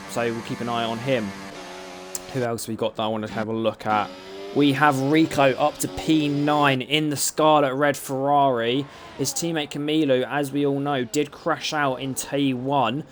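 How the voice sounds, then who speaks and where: A man's voice: medium pitch, slight background noise. A man with an Essex accent doing live commentary on an online racing league, chatty and often tripping over names and correcting himself. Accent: Essex English.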